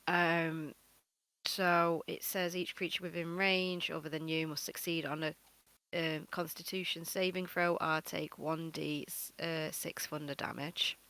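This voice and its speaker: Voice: mid-range voice, pushed and bright, clear, resonant tone. A player at a tabletop game, hesitant and full of ums while reading rules aloud. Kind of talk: casual tabletop game chat.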